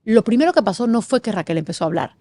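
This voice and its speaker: A middle-aged woman from Panama, a guest in an interview, telling a personal story with expressive, animated delivery and quick lists. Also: on the high side. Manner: expressive, animated, lists things in rapid series.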